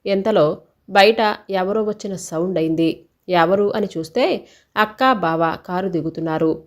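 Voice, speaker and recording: A woman's voice: medium pitch, measured pace. Woman narrating a first-person story.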